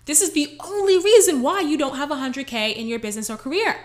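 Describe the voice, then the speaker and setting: A woman life coach giving a casual motivational talk, blunt and animated, with frequent swearing. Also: high-pitched, quick pace.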